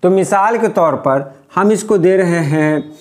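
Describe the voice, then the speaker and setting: A man teaching how to write letters, explaining patiently and repeating each point slowly. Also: sits high. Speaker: Urdu script teacher. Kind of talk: step-by-step writing lesson.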